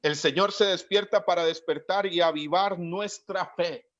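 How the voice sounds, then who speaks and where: A man preaching a sermon in an earnest way, slowing down to stress key words and acting out the lines he quotes. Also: sits high, fairly even intonation, fairly bright tone. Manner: acts out the quoted lines of the scripture. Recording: dry, dull lo-fi audio.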